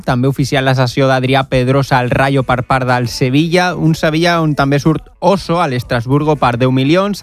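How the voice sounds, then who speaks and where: Give me a man reading a sports news roundup, brisk and matter-of-fact. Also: medium pitch. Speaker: sports reporter.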